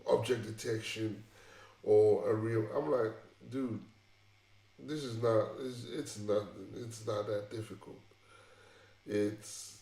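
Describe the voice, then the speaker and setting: A man's voice: on the low side, gravelly, a little mellow, reverberant. A man giving casual tech career advice in an emphatic, repetitive way, often restarting his phrases. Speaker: tech vlogger.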